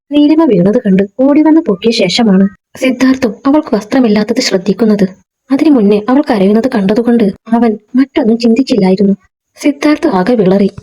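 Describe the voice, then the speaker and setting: Mellow, breathy woman telling a story. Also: on the high side, rough recording. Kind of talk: scripted story narration.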